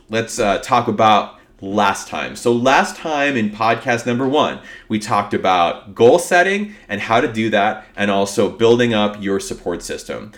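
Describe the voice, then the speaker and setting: A man hosting a podcast solo in a casual, upbeat, conversational way, his voice affected by a cold. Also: mid-range voice. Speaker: podcast host.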